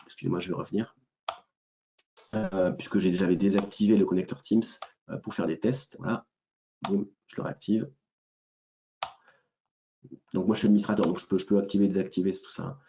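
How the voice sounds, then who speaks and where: A man with a southern French accent presenting a software demo in a webinar, talking hesitantly with many fillers and restarts. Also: fairly low pitch, highs cut off.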